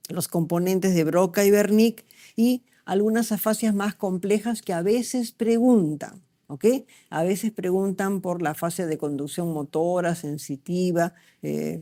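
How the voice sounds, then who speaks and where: A woman's voice: lowish voice, measured pace, warm tone. A middle-aged woman gives a medical lecture, asking the class questions and checking in with them often.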